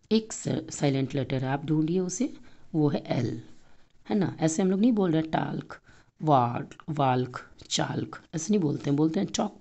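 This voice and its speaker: Indian woman teacher, low and mellow voice, talks kids patiently through a lesson. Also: muffled recording. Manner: explains step by step, repeats words slowly. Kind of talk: textbook lesson for children.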